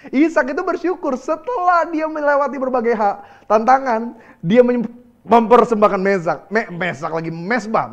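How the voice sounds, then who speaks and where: Indonesian guy preaching, high voice, animated storytelling, kinda dull lo-fi sound. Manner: lively preaching with storytelling and laughter. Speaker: pastor. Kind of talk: sermon.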